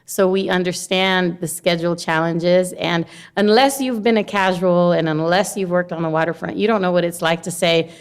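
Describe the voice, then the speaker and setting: Middle-aged woman from Honduras, guest, lively storyteller who laughs a lot. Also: on the low side, moderate pace, hardly any pauses, clear, resonant tone. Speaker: guest, longshore worker and former teacher. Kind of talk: casual interview conversation.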